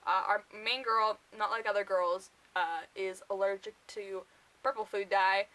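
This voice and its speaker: A woman's voice: mid-range voice, fairly even intonation, a little slow, a bit bright, low-quality recording. A young woman casually reviewing books for her vlog, chatty and full of filler words, often breaking into laughter. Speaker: book vlogger.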